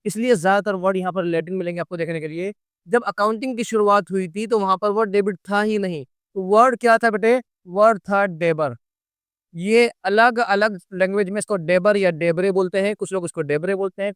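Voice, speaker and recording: A man's voice: high-pitched, a bit bright, clear, resonant tone, no room sound, studio quality. A male teacher explaining accounting to students patiently, repeating key points and calling them kids. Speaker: commerce teacher. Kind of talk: classroom-style lesson.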